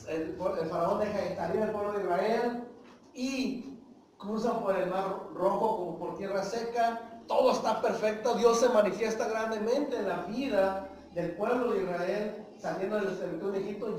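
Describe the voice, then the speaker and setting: A man's voice: high-pitched, darkish tone, a little hiss or hum. A man with a Mexican Spanish accent preaching a sermon in a church, emphatic, often calling out to his listeners and asking them questions. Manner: emphatic, repeats "hermanos", asks the congregation questions. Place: church hall. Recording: very echoey church hall from far off.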